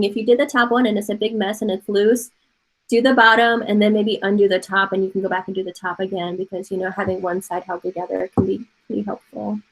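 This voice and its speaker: Over a webcam on a video call, a native Mandarin speaker from Taiwan in her forties gives casual online instruction for a college art course from her home, bookshelves around her. Her voice is medium-pitched and gravelly, and the recording quality is low. She keeps things chatty and supportive, frequently laughing and musing out loud.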